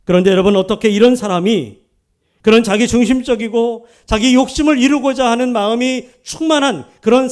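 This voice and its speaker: A man's voice: high voice, a little mellow. A man preaching a sermon as pastor, emphatic and full of rhetorical questions to the congregation. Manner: acts out quoted speech within the preaching.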